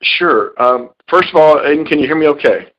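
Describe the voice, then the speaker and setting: Middle-aged male caller on speakerphone, phone held off, thin phone-line sound, halting delivery. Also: fairly high pitch, slight background noise. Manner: hesitant, checking he can be heard. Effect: on speakerphone, phone held away. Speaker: caller on a conference call. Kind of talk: casual talk.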